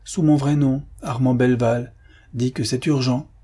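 A man reading an audiobook, voicing an old scheming male villain who sneers and gives hushed commands. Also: mid-range voice, fairly even intonation, a little slow, breathy edge, pitched above the performer's own voice. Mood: urgent. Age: older.

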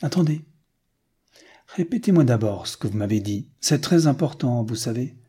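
A man's voice: medium pitch, animated, moderate pace, mellow, husky. A man voicing a young French count who weighs his words, then speaks with blunt frankness. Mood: probing.

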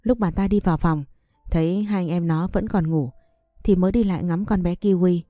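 A woman reads a first-person story in an even, unhurried way. Her voice sits a little low and sounds very dark and mellow. The recording is dry and close, with faint music beneath. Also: no echo. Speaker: narrator. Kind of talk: first-person storytelling, reading all roles.

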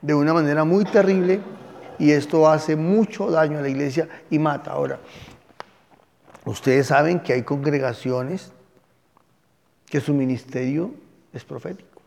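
A man, a pastor teaching a Bible class and telling the stories with lively energy. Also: on the high side, normal speed, gravelly, long pauses, long reverb tail. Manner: lively storytelling, addresses class as "hijos".

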